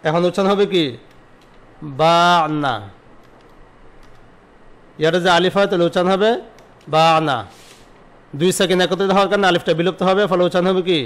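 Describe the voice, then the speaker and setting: A male teacher gives an online grammar lesson in a smooth, resonant voice pitched a little high. He poses questions and answers them himself. He repeats each word form slowly. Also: fairly even intonation.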